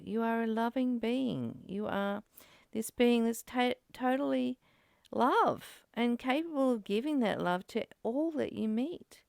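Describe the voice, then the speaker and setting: A woman hosts an informal spiritual study session, teaching and discussing earnestly and posing rhetorical questions. Her slightly high, slightly mellow voice has vocal fry, recorded dry with clean studio sound.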